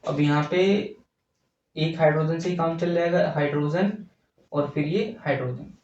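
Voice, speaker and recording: A man teaching a chemistry lesson while writing on a board. He talks slowly, asking questions and answering them himself. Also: on the high side, darkish tone, slight background noise. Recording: distant, echoey, dull lo-fi.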